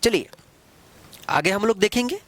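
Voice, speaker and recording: High-voiced man teaching English pronunciation. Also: animated, a bit bright. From Bihar, India. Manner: repetitive, asks questions and answers them himself; spells words letter by letter slowly. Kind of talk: classroom-style spelling and pronunciation lesson.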